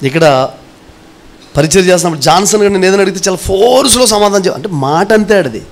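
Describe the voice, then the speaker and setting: A middle-aged man preaching a sermon in a notably high voice. He presses rhetorical questions on his listeners with earnest conviction. He swings between forceful lines and hushed ones. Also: animated, quick pace. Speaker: pastor.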